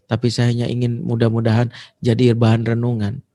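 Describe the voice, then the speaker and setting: A man's voice: mid-range voice, completely flat delivery, brisk, mellow. A man giving a parenting sermon as an Islamic preacher, emotive and acting out quotes.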